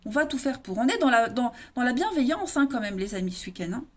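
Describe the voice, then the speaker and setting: A woman reads tarot cards for her viewers in a loose, chatty way. Her voice sits high, and she keeps stumbling into fillers and restarting her sentences. She talks to the audience as her friends. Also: big pitch swings, quick pace. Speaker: tarot reader. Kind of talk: casual tarot reading for viewers.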